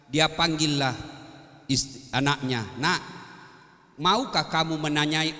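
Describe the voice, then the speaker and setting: Man, humorous sermon, acts out voices, high voice, long hall echo. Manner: storytelling, acts out voices, swings from loud to quiet. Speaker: preacher. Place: large hall at a religious gathering.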